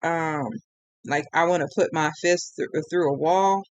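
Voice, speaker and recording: A woman's voice: deep voice, measured pace, no echo, dull audio. A woman ranting on a live stream, frustrated and close to tears, rambling with many restarts. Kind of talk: emotional live-stream rant.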